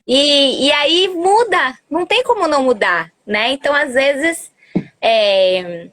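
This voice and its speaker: A woman's voice: high-pitched, expressive, slow, fairly bright tone. A woman who grew up in Bahia, a Portuguese and Spanish teacher, chatting casually on a live video call and spelling out sounds as she explains them. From Argentina, grew up in Bahia, Brazil. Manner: explains pronunciation by spelling out sounds, laughs often. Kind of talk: casual chat on an Instagram live. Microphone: phone or computer on a video call.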